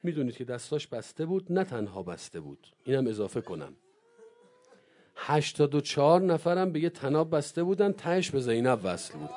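A male preacher delivering an impassioned mourning sermon, swinging from low murmurs to loud cries. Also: very animated.

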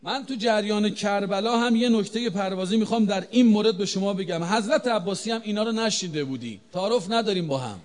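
A man preaching a sermon to a live congregation, swinging between loud chanted lines and hushed, pleading talk. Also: high voice, few pauses. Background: crowd of mourners.

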